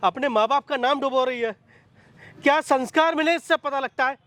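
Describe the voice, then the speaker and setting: A man's voice: very high-pitched, a little fast, fairly bright tone. Man playing a shamed, scolding older father-in-law. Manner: reproachful, scolding. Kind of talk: street social skit acting.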